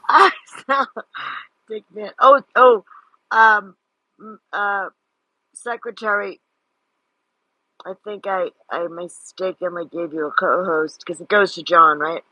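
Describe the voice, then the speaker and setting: Female host, casual and giggly, husky tone, unhurried delivery, dry close sound. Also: medium pitch, fairly even intonation, pushed and bright, no echo, poor audio. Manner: giggly, chatty, laughs often. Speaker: host of an audio chat room. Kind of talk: casual chat.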